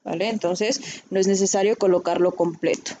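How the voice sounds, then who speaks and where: Mellow woman teaching a class. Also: lowish voice, fairly even intonation, brisk, highs cut off, slight background noise. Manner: patient explaining, checks in with "¿vale?" and "¿sale?". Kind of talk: recorded online class.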